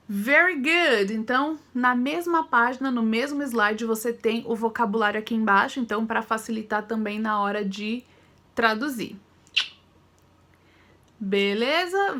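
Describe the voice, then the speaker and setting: A young woman teaches an English lesson, reading each word out clearly and with care. Her voice is bright and a little high. She takes her time.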